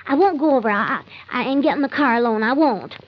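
A nervous, prim wife in an old radio comedy. Her voice is high, earnest and fretful, stubbornly insistent. It comes through a dull, lo-fi vintage recording. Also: lively intonation, a little fast, breathy edge.

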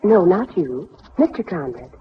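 Casting: polite nurse, brisk, lowish voice, dull old radio sound. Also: female voice, big pitch swings, a little hiss or hum. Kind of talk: 1940s radio acting. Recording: dull 1940s radio recording.

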